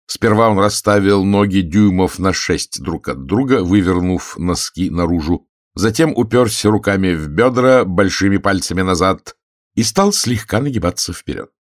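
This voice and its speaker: A man narrating an audiobook in an expressive reading voice. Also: sits low, dry recording, clean studio sound.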